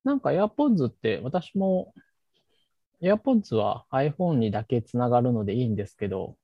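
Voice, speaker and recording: A man's voice: medium pitch, big pitch swings, moderate pace, dry recording. A man co-hosting a podcast in casual tech chat, easygoing and thinking aloud. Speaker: podcast co-host. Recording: muffled, dry close mic.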